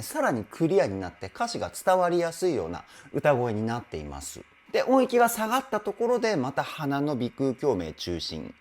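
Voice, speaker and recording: Over faint music from the video under review, a vocal coach with a medium-pitched voice reacts to a live performance, gushing with admiration. Between excited exclamations, he breaks down the singing technique step by step in this reaction-and-analysis video.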